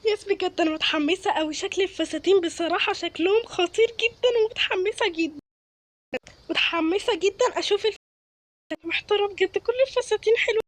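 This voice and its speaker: A woman voicing an excited young daughter about to be engaged, with an Egyptian accent and a gushing, repetitive way of talking, in a game role-play. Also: very high-pitched, fast talker. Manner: gushing, eager, repeats herself.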